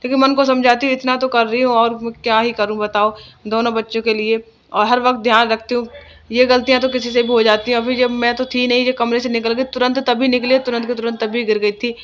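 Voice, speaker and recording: A woman's voice: on the high side, flat delivery, brisk, highs cut off. A young woman talking casually in her home vlog about her children and the day's chores. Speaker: vlogger.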